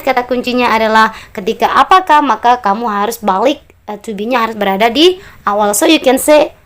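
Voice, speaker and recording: A woman with a slightly high voice leads an online grammar lesson. She explains each point step by step, often switching into English phrases as she goes. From Lombok, Indonesia. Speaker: English teacher.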